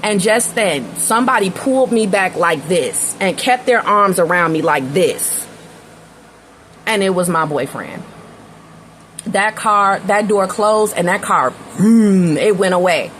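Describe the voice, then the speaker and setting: A woman's voice: mid-range voice, animated, measured pace, fairly bright tone, a little hiss or hum, rough recording. Woman giving a chatty, slangy tarot reading. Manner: casual, slangy, talks straight to the viewer. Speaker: tarot reader. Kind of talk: casual tarot reading and storytelling.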